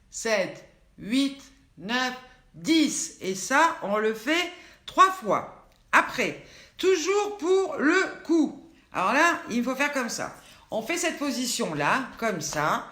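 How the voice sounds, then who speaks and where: A woman's voice: on the high side, a bit bright. Chatty older woman in an echoey room. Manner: chatty, rambling and self-mocking. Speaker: host of a daily live show. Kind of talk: casual live video chat leading face exercises. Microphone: phone camera.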